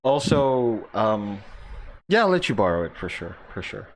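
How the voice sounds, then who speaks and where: A man's voice: lowish voice, big pitch swings, normal speed. A man co-hosting a podcast in casual chat, easygoing and laughing a lot. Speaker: podcast co-host.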